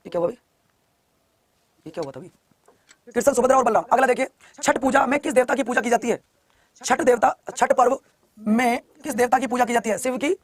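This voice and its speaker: Running a live class, a male online exam coach with a very high-pitched voice fires questions at his students. He repeats each one and pushes them to answer quickly.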